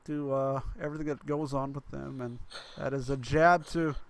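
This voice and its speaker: A man calling a wrestling show as play-by-play commentator. He talks excitably, tripping over names and correcting himself. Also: mid-range voice, normal speed, vocal fry, crowd noise.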